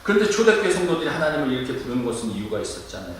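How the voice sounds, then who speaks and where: A male pastor preaching a sermon in a church, lively and demonstrative, acting out loud cries to make his point. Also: medium pitch, very fast, slight background noise. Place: church sanctuary. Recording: echoey room, mic at a distance.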